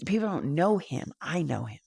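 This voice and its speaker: Low-voiced woman telling her story animatedly. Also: normal speed, creaky, husky. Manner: animated and emotional, with frequent laughter and "you know". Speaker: guest. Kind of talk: personal storytelling in a podcast interview.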